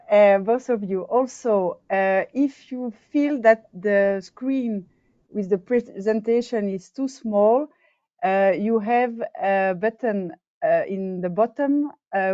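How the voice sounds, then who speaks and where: This Belgian woman co-chairs and hosts an online meeting, speaking slowly in a mellow, mid-range voice. She sounds hesitant and uses lots of fillers. The video call audio is dull and dry.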